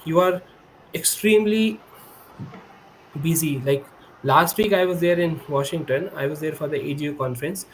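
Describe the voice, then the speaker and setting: This low-quality recording, with a little hiss or hum, features a young Indian man in his twenties, a PhD student and native Hindi speaker, as a guest on a remote podcast. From an indoor room with a high-backed chair, he speaks at normal speed in a slightly high voice, pausing often, explaining earnestly and correcting himself mid-sentence.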